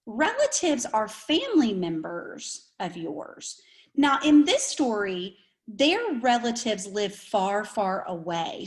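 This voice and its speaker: A young adult woman teacher giving a recorded video lesson, talking slowly to young children and stretching out the sounds of words. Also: medium pitch. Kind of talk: kindergarten writing and read-aloud lesson.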